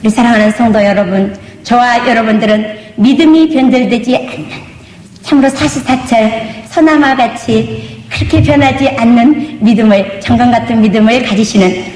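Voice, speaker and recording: A woman pastor with a fairly high, slightly mellow voice preaches a testimony sermon at normal speed in an echoey church sanctuary. She calls out emphatically to the congregation, asking "do you believe?", and at times lapses into singing intonation.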